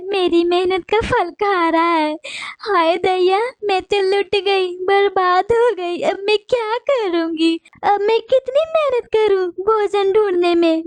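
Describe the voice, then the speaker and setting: A woman's voice: very high-pitched, a little mellow, dry recording. A woman voicing a hard-working female sparrow in a cartoon, wailing and lamenting.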